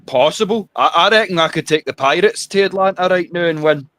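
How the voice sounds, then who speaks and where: A man's voice: high voice, brisk, fairly bright tone, dry recording. A Scottish man chatting bluntly on a watch party. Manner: blunt, swears. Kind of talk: casual live watch party chat.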